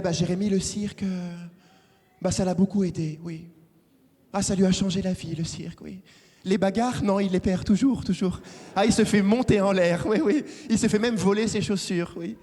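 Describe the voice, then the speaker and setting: A young man from France doing a lively stand-up comedy set, acting out characters in a big theater. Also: sits high. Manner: animated, acts out characters. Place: large theater stage with audience. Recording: live hall reverb.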